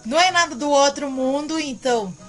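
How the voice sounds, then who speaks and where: A Mexican vlogger whose first language is Spanish chats to camera in a Mexican Spanish accent, rambling, repeating phrases and tagging lines with "né." Her voice is high and brisk, with faint music in the background.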